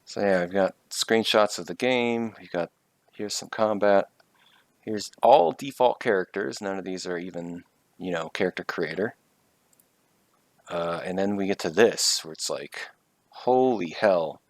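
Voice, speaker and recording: A man's voice: deep voice, unhurried, dry recording. A man co-hosting a game review show, chatting casually and sarcastically, with lots of "like" fillers. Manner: sarcastic, fills with "like".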